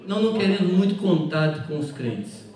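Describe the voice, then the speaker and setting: A pastor delivers an emphatic sermon, stopping often to put direct questions to the crowd. His voice sits high for a man. It rings through a large, echoey hall and sounds distant from the microphone. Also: lively intonation, normal speed, mellow. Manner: emphatic preaching, addresses the congregation directly with questions.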